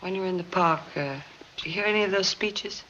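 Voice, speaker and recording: An actress playing a shrewd newspaper reporter, softly asking leading questions in a muffled 1940s film. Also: female voice, mid-range voice, quick pace, close to an everyday voice. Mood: coaxing, calm. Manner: soft-spoken, leading questions. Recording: muffled, noisy 1940 film soundtrack.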